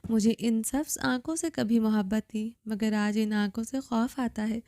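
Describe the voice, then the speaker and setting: A woman's voice: fairly high pitch, warm tone, no room sound, lightly acted. A woman voicing a terrified young woman who stammers and pleads through tears.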